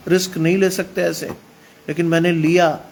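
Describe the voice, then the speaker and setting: High-voiced preacher, emphatic. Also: male voice, flat delivery, normal speed, darkish tone. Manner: mixes English phrases into emphatic preaching. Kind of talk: sermon.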